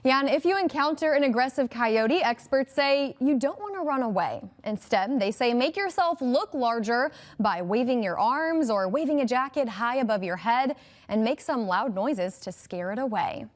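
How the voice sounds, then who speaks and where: A woman anchoring a local TV newscast, reading scripted stories with a brisk, upbeat delivery. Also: on the high side, lively intonation. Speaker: news anchor.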